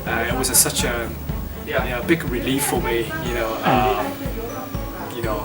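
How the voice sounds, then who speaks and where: A man's voice: medium pitch, fairly even intonation, moderate pace. A man with a Japanese accent answering as a student in a casual interview, speaking hesitantly and often rephrasing himself. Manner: hesitant, repeats and rephrases phrases. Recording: distant mic, loud music behind.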